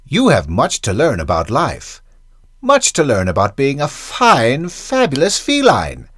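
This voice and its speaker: A man's voice: medium pitch, huge pitch swings, measured pace, a bit bright, husky, no room sound, clean studio sound, heavily acted. A man voicing a smug, scheming male house cat who lectures a kitten in a sly, theatrical way. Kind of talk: comic monologue reading.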